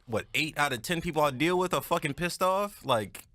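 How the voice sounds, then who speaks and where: A man co-hosting a podcast in casual chat, telling animated, profane stories. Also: on the high side, brisk, no echo. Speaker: podcast co-host.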